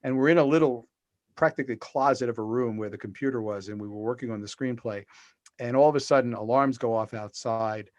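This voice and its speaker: A man's voice: medium pitch, brisk, a little mellow, dry recording. Middle-aged man telling stories on a video call. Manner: rambling storyteller with restarts and fillers. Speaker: podcast guest, author. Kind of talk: casual interview over video call.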